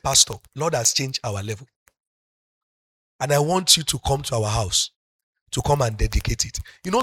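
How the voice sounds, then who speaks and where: A middle-aged Nigerian pastor with a Yoruba-speaking accent preaches a sermon, rising from soft speech to loud, passionate shouting. His male voice is medium-pitched and slightly rough, with no room sound.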